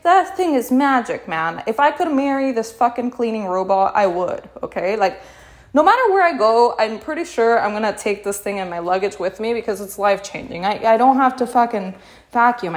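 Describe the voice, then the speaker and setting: Chatty, laughing young woman podcaster. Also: fairly high pitch. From Peru. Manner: candid, chatty, laughs often, uses "like" and "you know" a lot. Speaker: podcast host. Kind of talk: casual personal podcast monologue.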